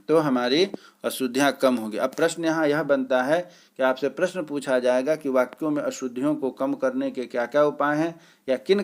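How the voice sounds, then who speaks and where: A man teaching an exam-prep lecture, explaining step by step with pauses and filler sounds. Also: mid-range voice.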